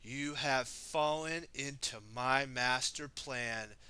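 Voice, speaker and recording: A man voicing a scheming dark lord in a storybook reading, talking slowly and tauntingly. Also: mid-range voice, clear, resonant tone, no room sound. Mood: smug.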